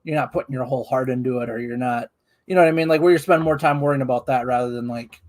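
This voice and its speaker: A man with a medium-pitched voice chats casually as co-host of a live stream. He rambles conversationally, hedging and qualifying his points as he goes. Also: quick pace, darkish tone. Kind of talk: casual chat.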